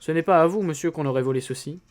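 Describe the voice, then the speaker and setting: A man voicing a brisk, self-assured swindler posing as a police inspector in a read-aloud story. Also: fairly high pitch, soft background music, natural voice. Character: smooth-talking fake police inspector, brisk.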